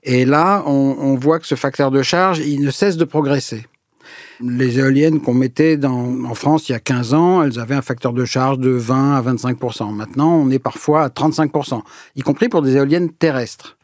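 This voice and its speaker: A man's voice: medium pitch, moderate pace, a little mellow, no echo. Man, interview guest, hesitant explanations, lots of fillers, dry close sound. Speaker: energy researcher, guest. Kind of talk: interview answers.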